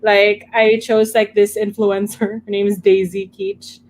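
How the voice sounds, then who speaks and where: A woman chatting casually about books as a club member, in a halting, thinking-aloud manner. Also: medium pitch, level tone, a little mellow, a little hiss or hum. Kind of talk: casual book chat.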